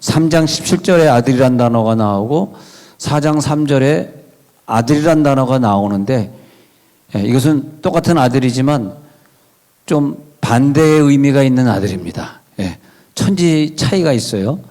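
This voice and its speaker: A man's voice: medium pitch, animated, normal speed, warm tone. A male pastor giving a sermon in a church, conversational, with wry asides and questions to the congregation. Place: church sanctuary.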